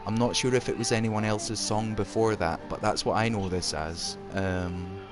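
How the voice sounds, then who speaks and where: Low-voiced man with a soft Scottish accent. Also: steady tone, normal speed, music in the background. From Edinburgh, Scotland. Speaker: livestream host. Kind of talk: casual livestream chat.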